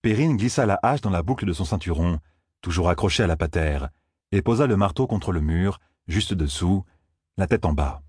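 A man's voice: low voice, normal speed, breathy edge, no room sound, studio quality. A man narrating a fantasy audiobook expressively. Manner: expressive, voices each character.

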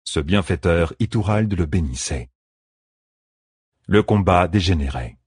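A man narrating an audiobook with a measured, expressive reading. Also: low-pitched, husky, no echo, clean studio sound.

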